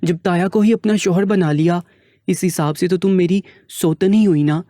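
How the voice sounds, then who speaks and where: A man's voice: high voice, steady tone, no room sound, studio quality, natural voice. A man voicing a scornful middle-aged aunt. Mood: taunting. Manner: taunting and sharp-tongued.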